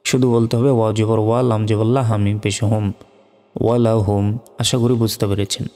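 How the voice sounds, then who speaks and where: A man with a low, mellow voice teaches Quran reading slowly and patiently, spelling out each Arabic letter and vowel mark before chanting the verse. A long hall reverb trails his words. Faint music sits underneath. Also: fairly even intonation. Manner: slow, patient, methodical.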